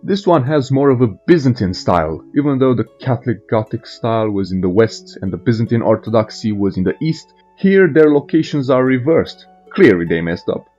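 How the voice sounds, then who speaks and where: A man's voice: mid-range voice, animated, brisk, hardly any pauses, a little mellow. A man delivering scripted video game lore narration as a storyteller, with irreverent joking asides. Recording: muffled voice over faint music.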